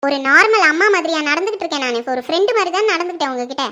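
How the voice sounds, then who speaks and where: A shrill, bright-voiced mother berates her grown daughter in a homemade family skit, as a performer puts her on. She is sharp, accusing and demanding. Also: expressive, rapid-fire, exaggerated voice. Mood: angry, accusing. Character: furious middle-aged mother, suspicious and scolding. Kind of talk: home-made Tamil family skit acting.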